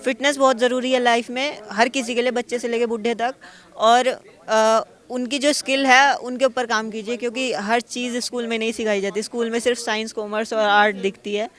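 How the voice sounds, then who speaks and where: Excited young woman athlete interviewed on the spot. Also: on the high side. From Uttar Pradesh. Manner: excited, talks fast and earnestly.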